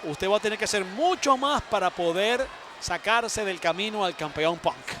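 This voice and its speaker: High-voiced emphatic man, wrestling color commentator. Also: expressive, moderate pace. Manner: emphatic, repeats phrases for effect. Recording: noisy arena crowd. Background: arena crowd.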